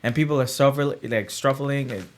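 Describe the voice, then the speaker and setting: Laid-back affirming podcast host, mid-pitched man. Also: normal speed, heavy background noise. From Guyana. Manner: relaxed, affirming, lots of "man" and "like". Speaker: podcast host, military veteran. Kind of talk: casual podcast chat.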